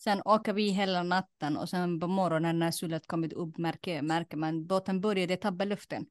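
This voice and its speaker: Young Somali-born woman, non-native speaker, halting testimony, dry close mic. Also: on the low side, fairly even intonation, dry recording. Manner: plain, halting retelling with many fillers and reenacted quotes. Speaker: guest. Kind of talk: personal testimony interview.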